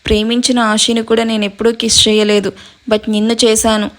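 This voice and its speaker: A woman storyteller voicing a charming young man who speaks in a soft, hushed way. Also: a little high, completely flat delivery, fairly quick, close to an everyday voice.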